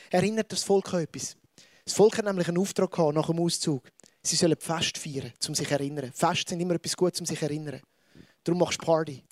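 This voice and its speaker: A man preaching with a Swiss German accent, lively and conversational, turning to the audience with asides. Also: high-pitched, dry recording, clean studio sound. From Switzerland. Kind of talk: sermon.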